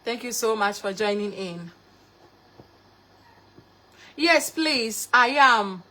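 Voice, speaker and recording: This cooking livestreamer is a young woman from Ghana whose Ghanaian accent comes through as she greets viewers by name with repeated thanks. Her voice is a little high and sharp in tone, animated yet slow.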